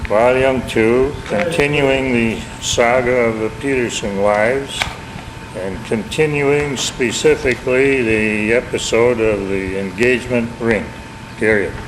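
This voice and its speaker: A man in his seventies from Minnesota, telling family stories in a rambling, chuckling way, recorded at home on old worn cassette tape. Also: mid-range voice. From Minnesota, USA. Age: 70s. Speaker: family storyteller. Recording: echoey room, hissy old tape.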